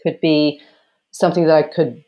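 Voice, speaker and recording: A Canadian woman in her forties, a former Olympic fencer, tells stories loudly in a casual interview, with quick laughs and acted-out quotes. Her voice is low with little pitch movement, and the recording sounds muffled.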